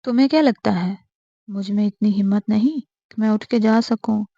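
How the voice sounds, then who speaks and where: A woman's voice: mid-range voice, warm tone, no echo, lo-fi sound, lightly acted. A woman reading the part of a feverish young wife who answers back in a defiant, sulky way.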